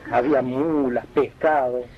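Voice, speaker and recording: A man telling anecdotes in a relaxed, rambling way, often correcting himself and searching for names. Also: medium pitch, measured pace. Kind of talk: relaxed spoken storytelling. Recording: dull lo-fi archive recording with faint hiss.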